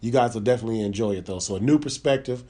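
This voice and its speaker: A man's voice: lowish voice, very fast, dark tone. A man hosting a casual comedy podcast, talking in a laid-back, slangy way with plenty of fillers. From Midwest US (born Chicago, raised Michigan).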